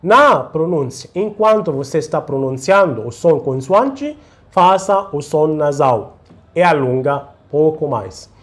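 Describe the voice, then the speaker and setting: A man teaching Quran recitation in a slow tutorial, patiently repeating syllables for the learner to follow. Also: on the high side, lively intonation.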